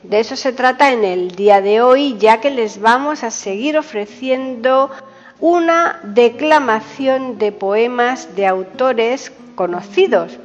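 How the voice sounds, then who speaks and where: A woman hosting a poetry programme, reading a scripted introduction in a formal, deliberate and carefully phrased way. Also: on the high side. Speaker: podcast host and presenter. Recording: dull sound, long hall reverb, guitar music behind. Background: soft guitar music.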